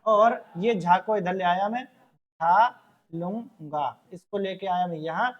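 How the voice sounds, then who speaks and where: A man with a Rajasthani Hindi accent teaches a class in a classroom, speaking loudly and emphatically. He talks at an unhurried pace and drills words out syllable by syllable. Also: sits high, highs cut off. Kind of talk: classroom lecture with memory trick.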